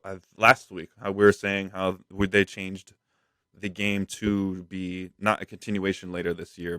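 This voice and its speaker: A podcast co-host with a low-pitched, fairly bright voice talks through gaming news with no room sound. He rambles casually in slang, often saying "like" and "dude."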